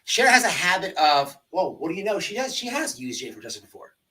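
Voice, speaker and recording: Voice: medium pitch, big pitch swings, brisk, sharp tone, far from the mic, low-quality recording. A livestream host delivering an informal exposé in a smug, sarcastic way, hammering points by repeating phrases. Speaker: host of a livestream commentary channel.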